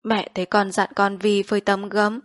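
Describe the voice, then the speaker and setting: A woman voicing a dying elderly mother who gives calm, firm instructions about a frugal funeral. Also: medium pitch, moderate pace, dry recording, studio quality, close to an everyday voice.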